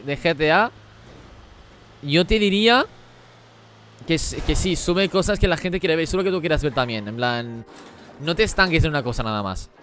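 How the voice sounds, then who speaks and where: A man streaming a game live, talking rapidly as he reads and answers the chat. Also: a little high, lively intonation, a bit bright. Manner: rapid-fire talk while reading chat. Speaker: gaming streamer.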